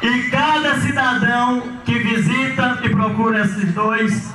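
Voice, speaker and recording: A local community leader with a high-pitched male voice delivers a declamatory outdoor speech at a community event, often raising his voice over a handheld mic into a PA. He speaks slowly with fairly even intonation and a Brazilian Portuguese accent from Maranhão. It's night on a street with a crowd around, captured by a distant camera, so the PA sound is echoey and the crowd noise and ambience are loud.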